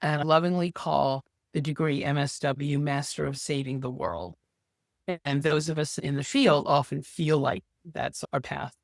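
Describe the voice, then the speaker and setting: A woman's voice: sits low, normal speed, gravelly, dry recording. Older woman, emphatic storyteller, dry sound. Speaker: podcast guest, social worker and therapist. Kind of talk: casual interview conversation.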